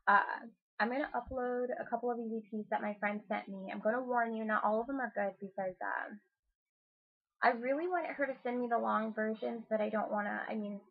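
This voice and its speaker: A woman hosting her own channel, chatting casually and excitedly with many fillers and some swearing. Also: a little high, brisk, vocal fry, husky. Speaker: YouTube channel host. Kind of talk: casual vlog chat. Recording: tinny lo-fi phone-like sound.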